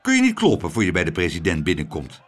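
A man voicing a gruff, pompous male president who grumbles. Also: sits low, wildly swooping pitch, fast talker, voice pushed down, exaggerated voice. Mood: indignant.

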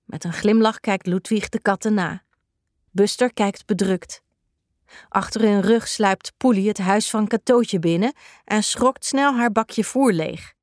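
Woman reading a children's story, unhurried and even, dry close sound. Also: mid-range voice, dry recording. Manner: slow and even. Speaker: narrator.

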